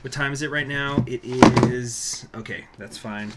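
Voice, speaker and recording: A man's voice: mid-range voice, fairly even intonation, measured pace, very noisy. A young man hosting a strategy game video, rambling in crude, meandering commentary and often losing his train of thought. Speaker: gaming channel host.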